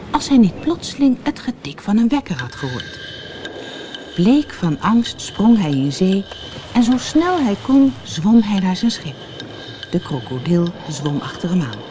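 Animated children's storybook narrator. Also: mid-range voice, slight background noise. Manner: expressive, animated. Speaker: storybook reader.

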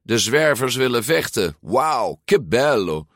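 A man's voice: medium pitch, big pitch swings, slow pace, creaky, dry recording, clean studio sound, pitched above the performer's own voice, heavily acted. A man voicing a boastful, mocking teenage boy bully in a storybook reading. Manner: mocking, showy.

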